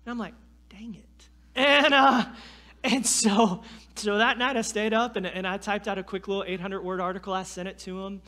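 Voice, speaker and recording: A man from North Carolina, preaching as a guest speaker and telling a personal story in a lively, self-deprecating way. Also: sits high, brisk. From North Carolina, USA. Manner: animated, self-deprecating, frequent restarts and fillers. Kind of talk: sermon storytelling. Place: church sanctuary.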